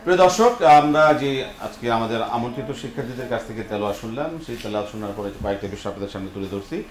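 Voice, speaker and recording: A man's voice: fairly low pitch, a crowd in the background. A man teaching Quran recitation in a TV studio, patiently drilling pronunciation for a class. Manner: patient, repeats words slowly for a class to echo. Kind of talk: studio lesson, call-and-response drilling. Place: television studio with students.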